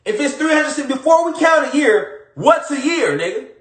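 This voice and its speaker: A man's voice: very high-pitched, expressive, normal speed, fairly bright tone. Emphatic, profane man in an echoey room. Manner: emphatic, profane, repeats points, addresses listeners directly. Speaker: social media commentator. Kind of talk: casual monologue.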